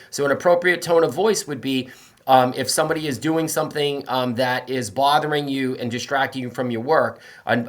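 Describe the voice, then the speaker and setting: An upbeat man leads the morning announcements at an elementary school. He speaks to the children in an encouraging, cheerful tone and drops in the odd um. His voice sits at a moderate, middle pitch. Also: fairly bright tone. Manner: encouraging, cheerful, with frequent ums and rising cheers.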